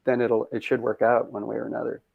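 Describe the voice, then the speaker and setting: A brewery founder chatting casually in an interview, upbeat and rambling, laughing often, over a video call. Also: male voice, medium pitch, monotone, fast talker, creaky, husky, dry recording. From Canada. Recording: dull lo-fi video call audio.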